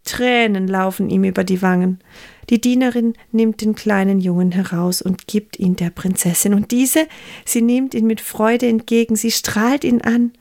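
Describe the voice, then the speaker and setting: A woman telling a Bible story to children in an expressive way, slowing down for suspense. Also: mid-range voice.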